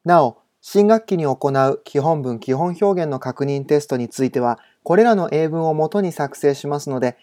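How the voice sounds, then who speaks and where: Guy teacher doing a home-study english lesson, slightly high voice, slow careful reading. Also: animated, dark tone. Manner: polite, instructive explanations.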